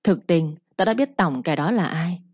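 A woman's voice: lowish voice, lively intonation, normal speed, a little mellow, breathy edge, no room sound. A woman voicing a cold, curt young man, a doctor and eldest son, in a storybook reading. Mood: cool, curt.

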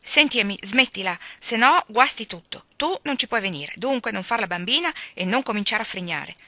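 A woman voicing a quick-tempered teenage girl who snaps curtly and scolds loudly, in a storybook reading. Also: medium pitch, no echo. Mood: impatient. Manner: curt, scolding and loud.

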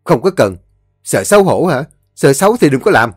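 A man voicing a domineering older brother who shouts harshly. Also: medium pitch, sing-song, a little fast, no echo, clean studio sound. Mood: furious.

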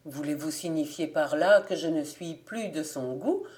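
A woman's voice: sits low, measured pace, a little mellow. A woman reading an audiobook voices a young male peasant who speaks earnestly and then in shock and reproach.

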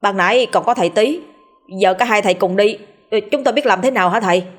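A woman voicing a frightened household servant who pleads anxiously and quickly. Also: mid-range voice, lightly acted.

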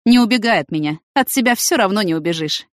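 A woman's voice: medium pitch, animated, quick pace, dry recording, clean studio sound, lightly acted. A woman voicing a composed, confident young man who speaks firmly and evenly. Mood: reproachful.

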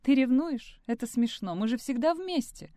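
A woman reading the part of a sharp-tongued young fiancée, speaking in a heated, sharp way. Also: mid-range voice, sing-song, moderate pace, no echo, studio quality, close to an everyday voice.

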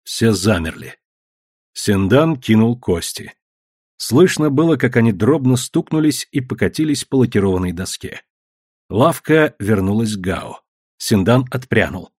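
A man narrating an audiobook in a dramatic, expressive reading style. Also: on the low side, a little slow, slightly rough, no echo, clean studio sound.

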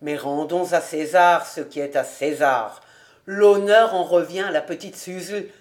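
A woman's voice: sits low, steady tone, measured pace, darkish tone. A woman voicing a jovial, well-off man who teases his old friend, in an audiobook reading. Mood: cheerful. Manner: teasing, half-serious. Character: jovial well-off man, teasing, fond of food.

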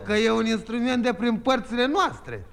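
Păcală, the sly folk trickster. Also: male voice, very high voice, very animated, creaky, a bit bright, full character voice. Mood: explaining. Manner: patient, explaining matter-of-factly. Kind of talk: 1950s radio drama acting.

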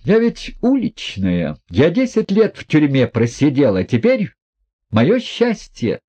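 A proud, reckless young woman, voiced by a male reader in a raised, husky voice that swings widely. Her talk is mocking and defiant, full of scorn. It is an audiobook character reading. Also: on the high side, wildly swooping pitch, takes it slowly, warm tone, pitched above the performer's own voice, exaggerated voice. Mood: defiant scornful.

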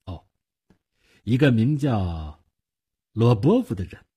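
A man doing a husky, terse hired gunman. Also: medium pitch, big pitch swings, takes it slowly, warm tone, exaggerated voice. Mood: wary. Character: wary adult male hired gunman, blunt and practical.

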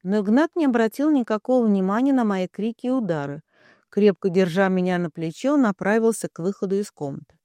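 An audiobook narrator reading a first-person story in a brisk, expressive way. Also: medium pitch, dry recording.

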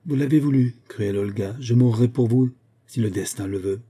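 A man's voice: mid-range voice, normal speed, dark tone, breathy edge, natural voice. A man voicing an earnest, lovesick young nobleman from an old novel. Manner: earnest, slightly embarrassed. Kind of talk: audiobook character reading.

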